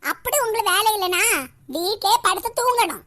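A woman with a Kanyakumari Tamil accent voicing a scolding, indignant character in an animated comedy. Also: very high voice, fairly quick, noisy background.

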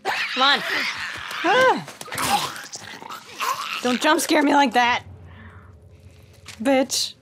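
Sarcastic young woman gamer, higher voice. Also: slow pace, pauses often, noisy background. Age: young adult. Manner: sarcastic, talks to the game. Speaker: gaming streamer. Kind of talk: casual gameplay commentary. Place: small indoor home streaming room. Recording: game sounds behind the voice. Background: video game sounds.

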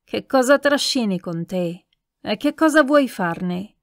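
A woman's voice: fairly high pitch, lively intonation, slow, no echo, clean studio sound. A woman voicing a powerful, enraged colonel who thunders his words in an audiobook. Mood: stern questioning.

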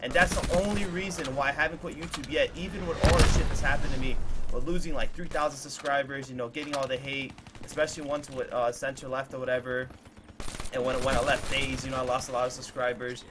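A man's voice: mid-range voice, steady tone, fast talker, very noisy. A man in his early twenties talks candidly to his viewers from a small room at home, earnest and rambling, repeating himself with lots of fillers. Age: 20s. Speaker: gaming YouTuber. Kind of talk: candid talk to viewers over gameplay. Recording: clear gunfire from the game behind the voice. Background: game gunfire.

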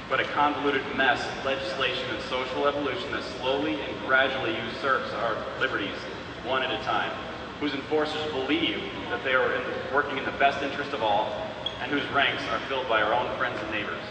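An American man delivering a solemn, rhetorical speech to an audience in deliberate, oratorical phrases. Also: mid-range voice. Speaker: public speaker, film-maker. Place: large room with an audience. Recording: echoey hall, distant mic, noisy.

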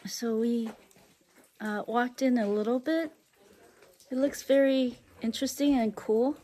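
A woman's voice: a little high, fairly even intonation, a little slow, warm tone. A middle-aged woman narrating a casual travel vlog outdoors, chatty and hesitant with many ums, recorded on a handheld camera. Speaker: travel vlogger. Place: outdoors in a rainforest and inside a lava cave.

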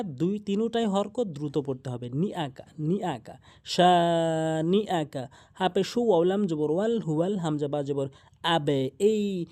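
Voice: medium pitch, dark tone. A Quran teacher giving a tajweed lesson, spelling out letters and vowel marks one syllable at a time and warning about common mistakes. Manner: warns of common mistakes, urges likes and subscribing.

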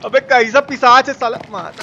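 With a high, pushed, bright voice at a moderate pace, the streamer comes through on dull audio. He swears freely and talks casually to his viewers as he comments on live gameplay and gives chat shout-outs, while video game ambience and clear background noise play behind him.

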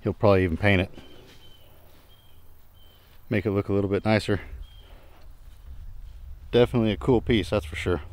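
Moving between an outdoor junkyard and the inside of a pickup truck, a man in his thirties who owns the junkyard and hosts the channel gives a relaxed, plain-spoken vlog walkthrough. His voice is fairly low and his pace moderate, with long pauses, and his remarks often trail off quietly.

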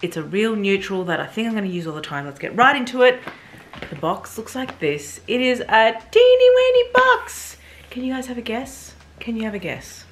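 A woman's voice: medium pitch, expressive, brisk, fairly bright tone, a little hiss or hum. A woman in her thirties chatting enthusiastically to viewers as she unboxes and reviews a bag. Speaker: fashion vlogger. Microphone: camera mic.

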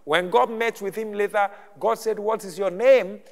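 A man's voice: high-pitched, steady tone, normal speed, long reverb tail. A male pastor teaching a sermon, often checking with the congregation as he explains scripture. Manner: teaching with call-and-response checks. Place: church hall.

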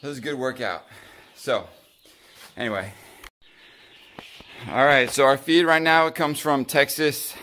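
A man casually talking through his farm chores in a vlog, chatty and relaxed, thinking aloud with fillers. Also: mid-range voice, no echo. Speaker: farm vlogger. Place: outdoors on a farm.

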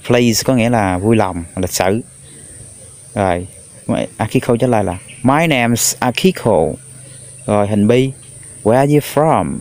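A man teaching an English lesson to children, repeating each new word slowly three times for the class to echo. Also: lowish voice, darkish tone. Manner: drills words slowly in threes for pupils to repeat.

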